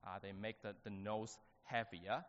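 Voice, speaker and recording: Halting male preacher in a reverberant hall. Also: fairly low pitch, steady tone. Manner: halting, with many fillers and restarts. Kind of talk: sermon. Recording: dull sound with long reverb.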